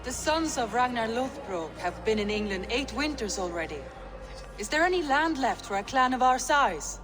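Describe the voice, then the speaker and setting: A woman's voice: on the high side, animated, normal speed, close to an everyday voice. A pragmatic Viking chieftain's wife in a video game, voiced by a woman. She speaks formally and questioningly, with faint music beneath her voice. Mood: doubtful. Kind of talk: dramatic video game dialogue.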